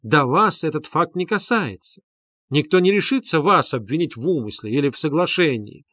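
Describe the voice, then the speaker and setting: A man reading an audiobook plays a pompous, fawning gentleman who talks in stiff, obsequious phrases. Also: fairly high pitch, lively intonation, normal speed, no room sound, studio quality, pitched above the performer's own voice. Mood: condescending. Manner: obsequious, sprinkling polite "-s" suffixes.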